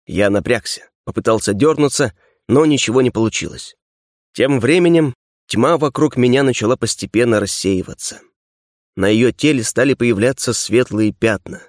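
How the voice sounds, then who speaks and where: A man narrating a fantasy audiobook in first person, measured, with dramatic pauses between words. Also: medium pitch, no echo, clean studio sound.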